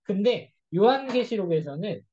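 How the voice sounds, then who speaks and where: Youth group study leader, casual lecture, husky voice, dull lo-fi sound. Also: medium pitch, normal speed. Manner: animated storytelling, acting out quoted speech.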